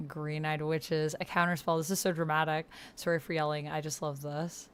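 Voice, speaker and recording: A woman with a low voice speaks at normal speed while playing a text-based online roleplaying game, chatting casually, commenting and reading typed chat aloud. Keyboard typing and steady background noise run underneath.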